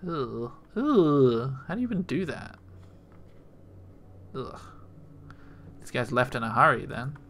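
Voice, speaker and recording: A man's voice: mid-range voice, sing-song, takes it slowly, pauses often, fairly bright tone, slight background noise. A man commentating as he plays a video game, joking, chatty and talking back to the game. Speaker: game player. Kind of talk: let's play commentary.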